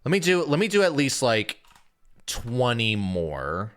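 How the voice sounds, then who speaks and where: Chatting with his live-stream audience, this young man speaks at a medium pitch and a slightly slow pace. His talk wanders in a relaxed way, full of filler words, especially "like."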